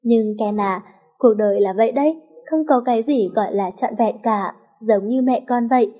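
A woman voicing a gentle, caring young nanny who speaks softly. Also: a little high, moderate pace, muffled recording, close to an everyday voice. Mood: soothing. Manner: soft, soothing, tender.

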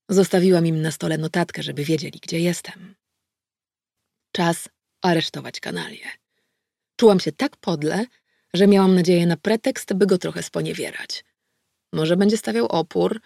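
A woman narrating a first-person audiobook in a brisk, wry, dry manner on a close studio mic. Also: fairly low pitch, creaky, a little mellow, breathy edge, dry recording.

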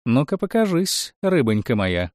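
A proud and vain tsarina from a storybook who barks orders and expects to be obeyed, as a man puts her on. Her voice is raised well above his own and swings widely in pitch. The sound is dry and close, with no room around it. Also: big pitch swings, moderate pace, a little mellow, no echo, lightly acted. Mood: haughty. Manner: imperious, commanding. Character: haughty vain middle-aged tsarina.

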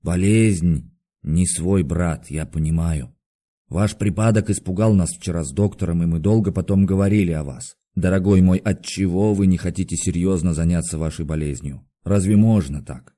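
Male reader as a low, hushed old postmaster, gentle and pleading, storybook role. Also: moderate pace. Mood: coaxing. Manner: soft, coaxing, half-whispered. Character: older male postmaster, tender, fawning, soft-spoken. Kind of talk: audiobook character reading.

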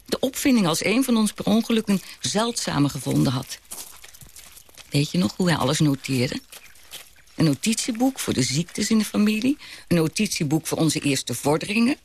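Reminiscing grown child, gravelly, slightly high voice, radio drama narrator. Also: male voice, big pitch swings, normal speed, slight background noise, heavily acted. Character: grown child looking back on a childhood home.

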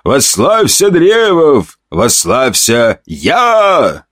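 A proud ruler makes a grandiose proclamation to his people through a megaphone, as a male narrator puts him on. The voice is pushed well above the narrator's own low register and swings widely in pitch. It sounds dry and close, like an audiobook reading. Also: huge pitch swings, drawn-out words, a bit bright, dry recording, full character voice. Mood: triumphant.

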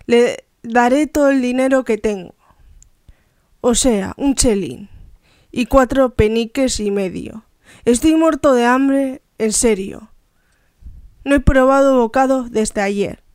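A woman's voice: a little high, a little mellow, no echo, clean studio sound. A woman reading as a cheeky teenage thief. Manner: mocking, feigned innocence. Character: cheeky working-class teenage boy, defiant.

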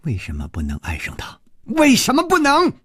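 A man voicing a jealous, murderous young woman in a low breathy whisper, slow and menacing. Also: huge pitch swings, a bit bright, no room sound, clean studio sound, exaggerated voice. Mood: mocking.

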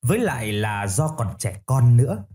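An audio story narrator tells a family ghost story in the first person, keeping a steady storytelling manner. His warm, mellow voice moves at normal speed, its pitch rising and falling lively with the tale.

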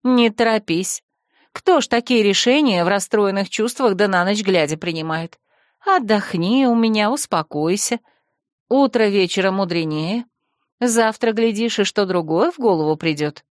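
A woman voicing a young woman's gentle, persuasive older sister in an audiobook, folksy and soothing. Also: medium pitch, normal speed, no echo, clean studio sound, natural voice. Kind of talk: audiobook character voice.

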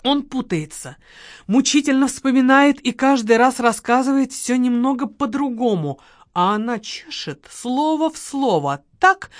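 A woman voicing a shrewd, calm male investigator who questions firmly and patiently. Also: on the high side, no room sound, clean studio sound, pitched above the performer's own voice.

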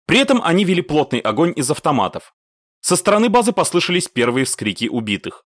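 Animated man narrating an audiobook. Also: a little high, quick pace, no echo, clean studio sound. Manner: expressive, animated. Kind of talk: scripted narration.

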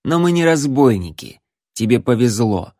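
A man voicing a cold, restrained male assassin with a flat, chilly delivery. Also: medium pitch, moderate pace, no echo, studio quality.

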